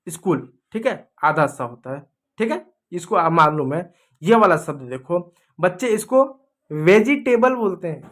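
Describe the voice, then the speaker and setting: A man from India teaching English pronunciation, drilling each word over and over in a teasing, scolding way. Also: a little high. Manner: repetitive, drilling words over and over. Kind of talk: classroom lesson.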